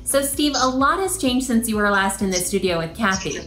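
A young woman hosting a business interview program, introducing the guest and asking questions in a bright, scripted presenter delivery. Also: fairly high pitch, animated, fairly quick, echoey room, soft background music. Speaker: host. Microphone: video call webcam.

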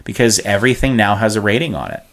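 A man's voice: lowish voice, expressive, fast, fairly bright tone. A man in his forties co-hosting a podcast, talking in a rambling, hesitant way in casual chat. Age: 40s. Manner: rambling, hesitant, many restarts. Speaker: podcast co-host.

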